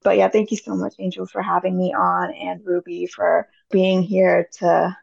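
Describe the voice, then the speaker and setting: A woman's voice: lowish voice, little pitch movement, normal speed, creaky, a little mellow, breathy edge, no room sound. A woman in her thirties, a podcast guest, chatting casually and rambling with many fillers. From United States. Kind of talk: casual interview chat. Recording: dull lo-fi audio.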